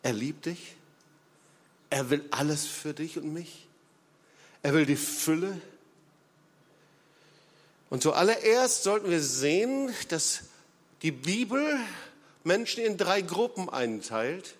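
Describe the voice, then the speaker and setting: A man preaching a sermon as pastor, emphatic, with big swings in loudness and frequent hesitation fillers, in a church hall. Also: a little high, expressive, slow pace, long pauses. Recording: long hall reverb.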